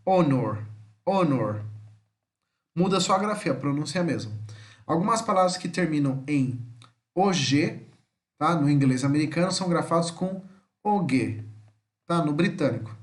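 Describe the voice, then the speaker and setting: A man gives a recorded homeschool lesson on English spelling. His voice sits a little high for a man. He drills English words slowly, one after another, and checks in with a quick "tá?" after almost every phrase. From Brazil. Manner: tags nearly every phrase with a questioning "tá?". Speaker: English teacher.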